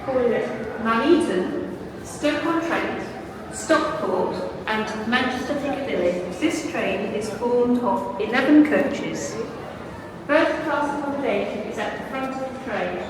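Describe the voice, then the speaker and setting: Woman's train station loudspeaker announcement. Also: on the high side, lively intonation. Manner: measured, formal public-address delivery. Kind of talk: recorded public announcement. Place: large indoor train station concourse. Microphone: station loudspeaker heard from a walking camera. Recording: echoey station hall from far off, loud crowd noise.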